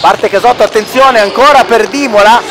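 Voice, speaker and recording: A man giving excitable futsal play-by-play commentary, breaking into shouted goal calls as a match commentator. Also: sits high, moderate pace. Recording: music and crowd noise behind. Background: music, sports hall crowd.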